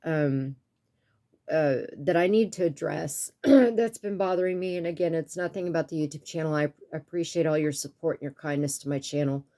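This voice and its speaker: A woman with a notably low voice talks straight to her viewers in a personal vlog. She is earnest and soft-spoken, her sinuses sound stuffy, and tears sit close behind her words. She speaks haltingly, with many pauses and restarts. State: tearful. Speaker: YouTube art channel creator.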